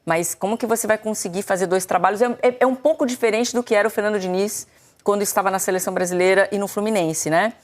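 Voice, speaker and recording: A sports TV presenter speaks quickly, with a mid-range voice and fairly even intonation. She presents football news during a studio discussion, explaining at length while summarizing and paraphrasing.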